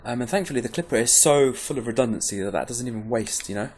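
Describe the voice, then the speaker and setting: A mid-range male voice with a darkish tone and a little hiss or hum in the background races along at a fast clip. He's a game guide presenter, chattily rambling through a gameplay tutorial and restarting his thoughts, clearly caffeinated and pumped.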